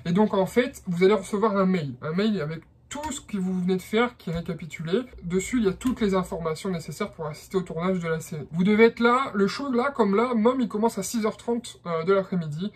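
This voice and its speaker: A man's voice: high-pitched, brisk, hardly any pauses, breathy edge. A man from France with a French accent, explaining a how-to in a hesitant vlog style with many fillers. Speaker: vlogger.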